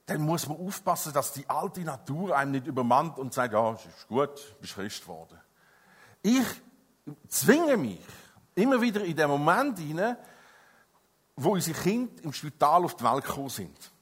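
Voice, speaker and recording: Male evangelist, middle-aged, husky, rather high voice, emphatic sermon, loud peaks and soft drops. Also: sing-song, moderate pace. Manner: emphatic, swings between loud stresses and quiet intimate passages. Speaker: evangelist, preacher.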